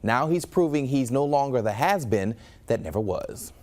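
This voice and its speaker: With music playing in the background, a male TV reporter delivers a polished, scripted news feature along with a bit of studio chat. He speaks at a moderate pace in an expressive, mid-range voice.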